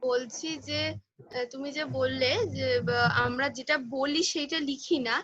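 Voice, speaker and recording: A woman's voice: high-pitched, steady tone, a little slow, a bit bright, dull audio, a little hiss or hum. A teenage girl student asking her teacher a question in class, hesitant and full of fillers. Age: teens.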